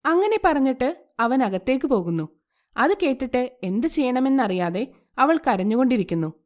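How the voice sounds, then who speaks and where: A woman narrating a storybook tale with expressive, animated delivery. Her voice is high and swings widely in pitch. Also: normal speed.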